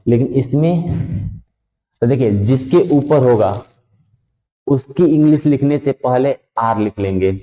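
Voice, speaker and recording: In an echoey room with dull, lo-fi sound, a man with a mid-range, dark-toned voice teaches the Hindi alphabet. He goes unhurriedly and pauses often, patiently repeating sounds and checking that his students follow.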